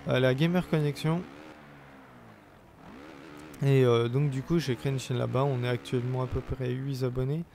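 Young male gamer, gravelly and mellow, sore throat, chatty let's-play commentary, faint hiss behind. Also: mid-range voice, steady tone, moderate pace, long pauses. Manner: chatty, hesitant, bursts of playful cheering. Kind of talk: casual game commentary.

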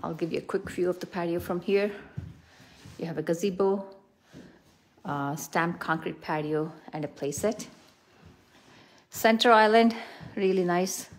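A middle-aged real estate agent with a lowish, darkish voice and steady tone talks at normal speed but with long pauses. Walking through a house indoors, she narrates a casual, unscripted tour full of upbeat praise; the handheld phone recording has a little hiss or hum.

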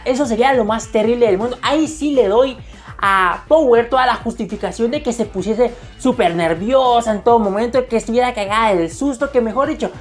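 Slangy high-voiced woman narrating anime commentary. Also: a little mellow. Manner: slangy, jokey, crude humor. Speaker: anime video essayist. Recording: faint music under the voice.

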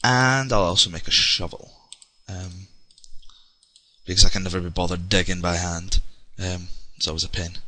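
His low voice stays steady at a moderate pace, with a pushed, bright quality. The young gamer from Scotland chats casually over his gameplay, rambling and dropping plenty of ums in this let's play commentary.

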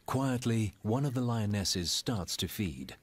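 A man narrating a scripted wildlife documentary in a measured, dramatic storytelling manner with deliberate pauses. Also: on the low side, lively intonation, slightly rough.

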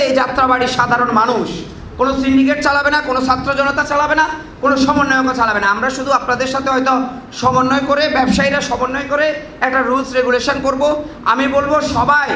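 Fast, bright young man speaking at a meeting. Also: very high voice, reverberant, a little hiss or hum. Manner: impassioned, urging listeners. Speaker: student speaker. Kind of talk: speech at a press meeting. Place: indoor meeting hall. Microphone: handheld mic.

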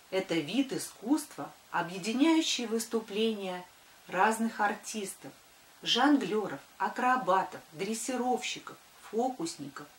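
Casting: woman in her sixties, schoolteacher dictating words unhurriedly, medium pitch, echoey room. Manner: dictating, deliberate, sounding out words syllable by syllable. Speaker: primary school teacher. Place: small wood-panelled room indoors.

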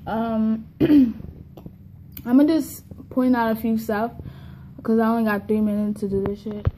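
A woman's voice: fairly high pitch, steady tone, a little fast, dark tone, poor audio. A young woman vlogging casually with plenty of swearing, her speech slightly impeded and lisping from a new tongue piercing. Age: young adult. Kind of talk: casual, profane vlog chat. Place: indoors in a kitchen. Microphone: phone at arm's length. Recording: clear background room noise on phone recording.

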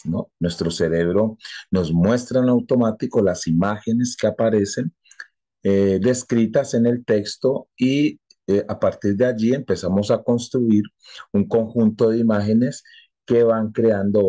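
A man teaching a lesson, explaining at a measured pace with frequent filler sounds and tag questions. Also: on the low side, dark tone, breathy edge. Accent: Colombian Spanish. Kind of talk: classroom explanation.

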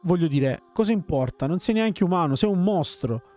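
A man's voice: high voice, lively intonation, normal speed, mellow, soft background music, voice pushed up. A man voicing a cruel, cowardly lab scientist who barks harsh, contemptuous orders.

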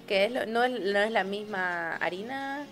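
A Bolivian woman co-hosting a casual chat, agreeable and quick to chime in. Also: mid-range voice, expressive, fairly bright tone. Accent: Bolivian Spanish.

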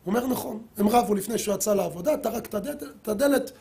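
A middle-aged man, a rabbi, giving a sermon and telling a story, acting out the quoted dialogue with lively voices. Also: high voice. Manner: animated storyteller who acts out quoted dialogue.

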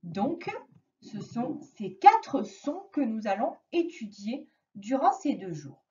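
A woman teaching a reading lesson to a young child, slowly and patiently stressing each sound. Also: on the high side, sing-song, warm tone, far from the mic, lo-fi sound. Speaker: primary school teacher.

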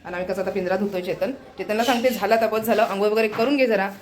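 A woman's voice: medium pitch, fast talker, a crowd in the background. A young woman chatting to viewers in a casual home vlog, showing her chores. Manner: chatty, addressing viewers directly. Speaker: vlogger.

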